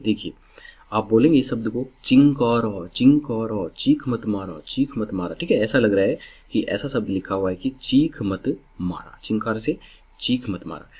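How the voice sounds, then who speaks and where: Husky low-voiced man teaching memory tricks. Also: moderate pace, a little mellow, dull audio. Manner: repeats and drills key words. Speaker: exam-prep teacher.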